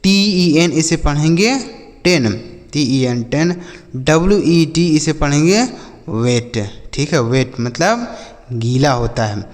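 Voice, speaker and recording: A man teaching an English phonics lesson. He spells words letter by letter, sounds them out slowly, and asks the class questions that he then answers himself. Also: fairly high pitch, animated, in a large hall.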